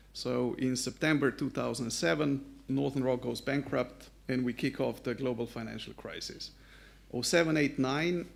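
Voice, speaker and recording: Gravelly man giving a confident panel talk. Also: mid-range voice. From Slovenia. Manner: assertive, structured, emphatic.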